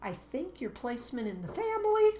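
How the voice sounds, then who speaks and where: A woman who is a teacher co-hosting a casual chat, speaking in a measured, emphatic way and acting out classroom voices. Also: high voice, big pitch swings, warm tone. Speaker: teacher and co-host. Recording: roomy echo.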